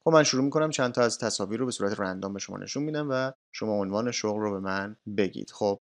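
Man teaching English. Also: on the low side. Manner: slow, clearly stressed English words between quick spoken explanations. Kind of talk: recorded language lesson.

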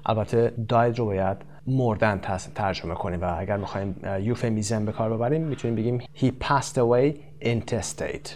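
A man teaching English vocabulary in a lesson. He reads the English terms out slowly and explains them quickly, with fillers in between. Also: fairly low pitch, a little mellow, slight background noise.

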